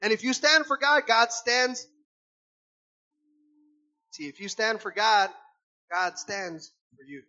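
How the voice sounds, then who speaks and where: A man preaching to his church with a high, bright voice, turning animated and acting out little voices of the people he talks about. He keeps calling the congregation brothers and sisters. The recording sounds dull and lo-fi. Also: slow, pauses often. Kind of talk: sermon. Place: church service.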